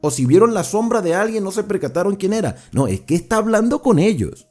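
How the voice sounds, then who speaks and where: Lively man teaching a Bible study. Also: high-pitched, brisk, soft background music. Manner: conversational, explains verse by verse and asks the audience questions.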